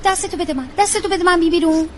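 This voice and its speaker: A kindly, teasing woman scolds and coaxes in a very high voice. Faint hiss runs under her. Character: teasing, kindly woman coaxing a sulky girl.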